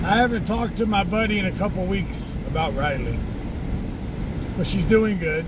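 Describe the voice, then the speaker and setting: A man's voice: high-pitched, moderate pace. A man hosting a livestream from a truck cab, chatting casually and repeating his phrases as he rambles. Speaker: livestream host. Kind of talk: casual chat with stream viewers. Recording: loud vehicle and air noise.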